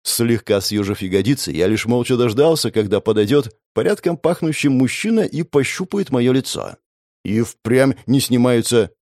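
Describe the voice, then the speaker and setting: A man narrating a comic fantasy novel in the first person, with an ironic, lively storytelling manner. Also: mid-range voice, moderate pace, few pauses, dry recording, studio quality. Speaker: audiobook narrator.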